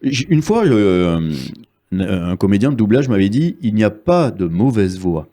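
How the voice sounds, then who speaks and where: A man's voice: fairly low pitch, sing-song, moderate pace, mellow. A man hosting an interview podcast, chatting enthusiastically with his guest. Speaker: podcast host.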